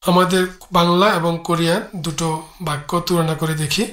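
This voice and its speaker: A man reads a grammar lesson aloud, slowly and carefully, and sounds out each part of a word. His voice is bright and sharp. The room around him is echoey. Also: fairly high pitch, level tone. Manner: measured, spells out sounds one by one. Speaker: language teacher.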